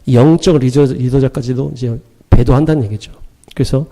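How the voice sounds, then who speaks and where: A man preaching a sermon in an animated, emphatic way, acting out quoted dialogue and punching his points with sharp sound-words. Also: mid-range voice, a little fast. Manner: acts out quoted dialogue, chuckling. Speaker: pastor.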